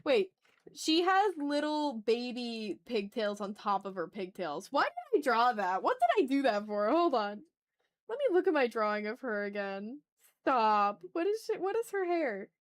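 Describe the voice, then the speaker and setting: A woman drawing on her art livestream keeps up a casual, rambling chat, informal, muttering to herself and swearing mildly. Her voice is a little high, very animated and unhurried.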